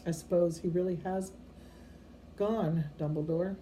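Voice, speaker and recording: A very soft-toned, low-voiced witch professor, played by a woman reading a storybook. She is stern and proper, speaking with anxious, exasperated emphasis over faint background noise. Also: fairly even intonation, measured pace, lightly acted. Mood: indignant.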